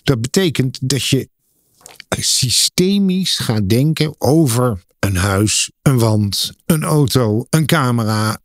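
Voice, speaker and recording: A man's voice: medium pitch, dry recording, studio quality. A man, a professor and guest expert, explaining in a podcast interview, building his points in emphatic lists like a lecturer.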